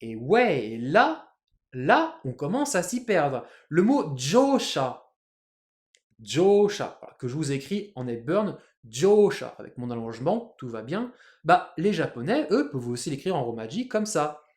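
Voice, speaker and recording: Lively French-speaking Japanese teacher. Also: male voice, fairly high pitch, moderate pace, reverberant. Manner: lively, chatty explanations with spelled-out letters. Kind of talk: casual video lesson.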